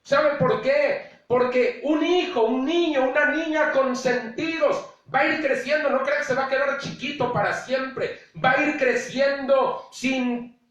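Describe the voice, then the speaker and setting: A male pastor delivers a deliberate, unhurried sermon in a very high voice. He is heard from some distance across a big, booming, echoey space. Now and then he slips into quoted asides from indulgent parents. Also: a bit bright. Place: church. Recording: very echoey room, distant mic.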